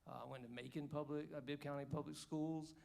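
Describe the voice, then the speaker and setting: A man's voice: on the high side, fairly even intonation, a little fast, gravelly, a little mellow. A man in his fifties from Georgia, a candidate giving a chatty, joking forum speech at an indoor evening event. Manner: joking, chatty, rambling asides. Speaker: congressional candidate.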